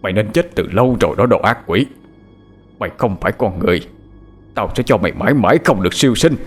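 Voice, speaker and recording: A man's voice: on the low side, animated, extremely slow, mellow, faint music behind. A man voicing a bitter, vengeful husband snarling curses. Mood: hateful. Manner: growling, hateful. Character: vengeful middle-aged husband, bitter and cruel.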